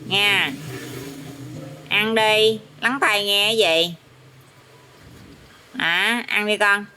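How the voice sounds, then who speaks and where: A woman's voice: mid-range voice, fairly even intonation, drawn-out words, bright, forceful tone, slight background noise. A woman with a Southern Vietnamese accent talking to her pet parrot, teasing it and asking it questions over and over. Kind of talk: casual talk to a pet.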